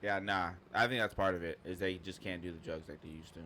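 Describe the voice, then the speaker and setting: A man's voice: low voice, steady tone, fast talker, bright, forceful tone, slight background noise. A young man hosting a casual podcast chat, joking, swearing and laughing often. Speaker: podcast host.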